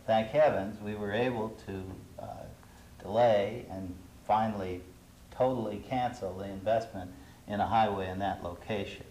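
A middle-aged man, an urban planner, speaking in a measured, thoughtful way with some hesitations on a studio panel. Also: on the low side, steady tone, warm tone. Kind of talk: panel discussion. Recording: roomy studio with faint hiss.

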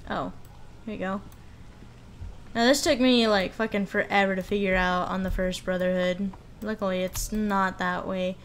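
A woman's voice: medium pitch, fairly even intonation, moderate pace, slight background noise. A woman hosting a let's play, giving casual, joking gameplay commentary and swearing freely.

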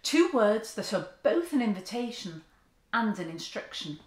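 An earnest woman in her fifties preaches to the camera from her sofa, her voice rising and falling in wide, lively swings. The room around her is echoey, and her hands move as she talks. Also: medium pitch, measured pace. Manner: earnest, expressive, with open hand gestures. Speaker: church speaker. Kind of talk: sermon talk to camera. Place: living room, seated on a sofa indoors.

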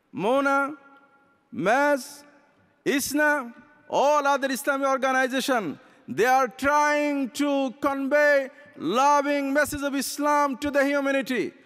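High-voiced imam in a big hall. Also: male voice, bright, forceful tone. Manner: impassioned, gesturing with both hands; mixes Arabic recitation into English. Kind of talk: convention speech. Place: large convention hall stage. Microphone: podium microphones. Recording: long reverb of a big hall.

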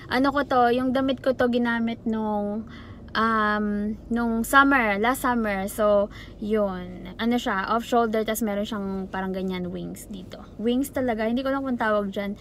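A woman's voice: on the high side, unhurried, a little hiss or hum. A woman, a mother vlogging casually at home, chatting while mixing Tagalog and English. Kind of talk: casual vlog.

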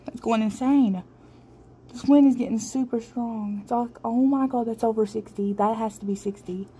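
Here a woman with a fairly high, slightly mellow, husky voice narrates her own storm footage as an amateur videographer. She's scared and shaky, breathlessly exclaiming as she keeps up excited running commentary on a handheld phone. The capture is a noisy amateur phone recording with storm ambience behind her.

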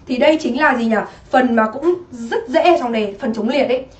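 A woman's voice: fairly high pitch, normal speed, reverberant. A woman teacher going through English exam answers step by step and often checking with the class whether they follow. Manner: explains step by step, often asks "right?". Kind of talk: exam review lesson.

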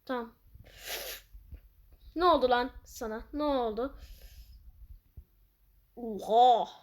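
High-pitched, excitable woman game commentator. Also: unhurried. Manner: excitable, playful, swings to loud outbursts. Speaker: gaming channel host. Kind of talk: gameplay commentary.

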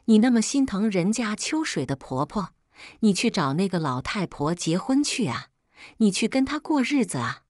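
A woman voicing a spiteful, shrill middle-aged mother with a mocking way of talking. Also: sing-song, moderate pace, darkish tone, no echo, clean studio sound. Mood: shrill fury.

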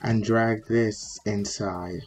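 Man, sore throat, dark voice, chatty step-by-step coding tutorial, faint music and typing behind. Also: fairly low pitch, fairly even intonation, slow, breathy edge. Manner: chatty, step-by-step, with frequent "like" fillers. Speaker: tutorial host. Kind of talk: casual screen-recorded coding tutorial.

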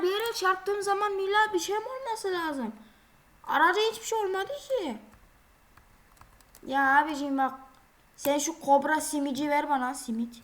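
A high-pitched woman chats her way through a driving game. She talks casually and exclaims a lot, scolding the drivers who block her way. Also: sharp tone. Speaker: gaming video creator. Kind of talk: casual gameplay commentary.

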